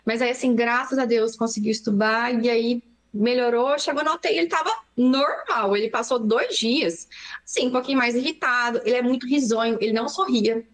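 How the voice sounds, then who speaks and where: A young adult Brazilian woman, a pediatrician, recounting a frightening story in an interview with fast, emotional narration. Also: fairly high pitch. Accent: Brazilian Portuguese. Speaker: pediatrician guest.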